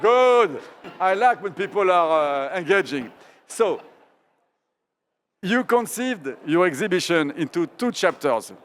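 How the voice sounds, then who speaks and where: French-accented man moderating lively. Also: high-pitched, a little slow, a little hiss or hum. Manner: animated, speaks straight to the audience. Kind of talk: live panel discussion.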